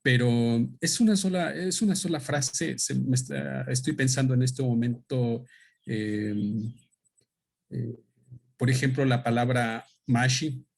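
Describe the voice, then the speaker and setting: A husky Mexican man, a native Otomi speaker, lectures an audience at a book presentation. His voice sits at an ordinary middle pitch, and he talks in a thoughtful, halting way, pausing often to find the right word. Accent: Mexican Spanish. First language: Otomi (Hñähñu). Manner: thoughtful, halting, pauses to search for words. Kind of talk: explanatory talk to an audience.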